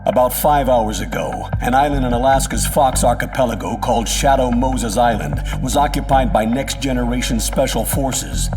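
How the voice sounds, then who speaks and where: A man's voice: medium pitch, distant mic, music in the background, lightly acted. Colonel Campbell, a stern military commander played by a man. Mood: grave, commanding. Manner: authoritative, measured military briefing. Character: stern older male retired colonel briefing a soldier. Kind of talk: cinematic voice acting.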